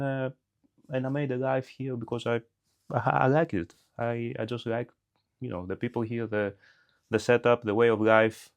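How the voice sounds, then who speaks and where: A middle-aged man from Greece, a podcast guest talking in an unscripted way, thoughtful and hesitant with many restarts. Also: on the low side. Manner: reflective, hesitant, frequent restarts.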